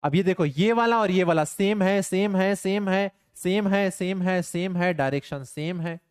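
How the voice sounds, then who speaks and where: A man's voice: high voice, measured pace, smooth, no room sound, clean studio sound. A young man teaching physics in a live online class, mixing stern banter with his students into worked problems. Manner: playful, scolding students in banter.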